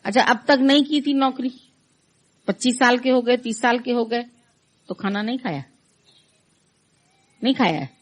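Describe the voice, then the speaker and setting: A woman's voice: fairly high pitch, normal speed, pauses often. A middle-aged woman giving a conversational devotional talk, acting out her listeners' complaints in quoted voices. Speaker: spiritual teacher.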